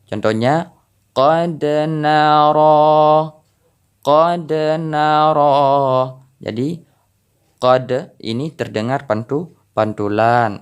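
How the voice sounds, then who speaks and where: Male Quran recitation teacher, unhurried lesson delivery, mid pitch. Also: darkish tone. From Indonesia or Malaysia. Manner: slow explanations with drawn-out recited examples.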